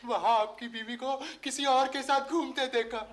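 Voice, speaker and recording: An actor playing a tearful, lovesick neighbour in a sitcom, pleading in a whiny voice. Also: male voice, very high voice, fairly even intonation, moderate pace, heavy background noise. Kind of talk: sitcom acting.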